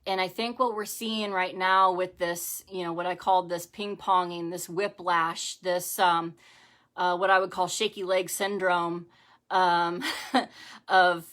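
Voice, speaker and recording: A woman's voice: fairly low pitch, fairly bright tone. A middle-aged woman hosting a live-streamed devotional talk from home, speaking conversationally with many fillers and repeated phrases. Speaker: ministry host.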